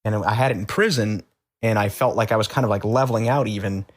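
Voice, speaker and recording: Rambling man telling his story, low voice. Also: fast talker. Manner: relaxed, rambling, many uh fillers and restarts. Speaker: interview guest. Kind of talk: casual storytelling.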